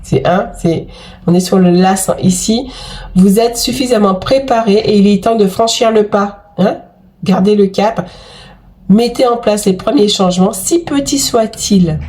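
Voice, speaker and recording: Speaking unhurriedly in a medium-pitched voice with a dark tone, a tarot and oracle card reader with a cold gives her viewers an effusive, chatty reading packed with exclamations and fillers.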